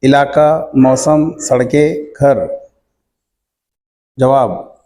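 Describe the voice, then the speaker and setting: Man teacher, measured dictation, mid-pitched voice, reading questions and answers. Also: mellow.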